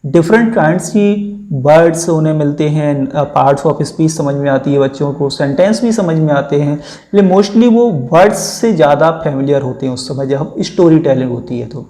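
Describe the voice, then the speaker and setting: A man teaching an exam-prep lesson, his voice sitting a little on the higher side. He reads each English option out slowly and carefully, then explains it in Hindi, calling his viewers friends. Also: warm tone.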